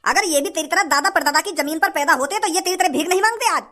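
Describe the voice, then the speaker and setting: Speaking quickly in a very high voice, an actor portrays a wealthy, openhanded young man scolding a miserly shopkeeper for a comedy sketch. His delivery is forceful and preachy.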